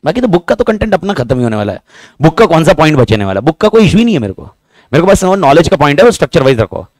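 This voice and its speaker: A man teaching a class, talking fast and repeating himself, joking with his students. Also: on the high side, big pitch swings, darkish tone, no room sound. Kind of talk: lively classroom lecture.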